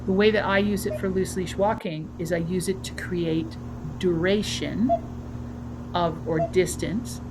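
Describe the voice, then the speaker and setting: A woman's voice: fairly low pitch, fairly even intonation, unhurried, noisy background. A woman, a dog trainer presenting a webinar in a chatty way, now and then putting on playful voices for dogs.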